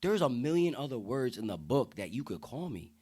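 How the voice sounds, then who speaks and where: Very animated and brisk, a young deep-voiced man from the United States speaks earnestly and emphatically as a podcast guest in casual, slang-heavy talk. His tone is mellow with a breathy edge.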